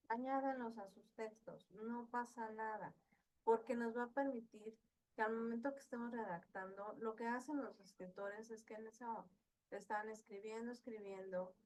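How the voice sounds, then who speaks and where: A woman's voice: medium pitch, darkish tone, slight background noise, poor audio. A woman teaching an online class, explaining step by step with frequent fillers and checking questions.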